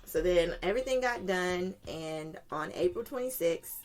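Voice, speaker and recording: A woman's voice: lowish voice, normal speed, soft background music. A woman, a podcast guest telling a family story in candid conversation, acting out quoted voices. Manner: animated, acts out quoted voices with swearing and laughter.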